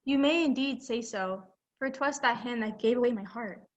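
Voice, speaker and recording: A young woman playing a soft anxious young wife. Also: on the high side, moderate pace, natural voice. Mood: evasive. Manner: quiet, soft, hesitant delivery. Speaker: student actor. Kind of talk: amateur Shakespeare scene reading.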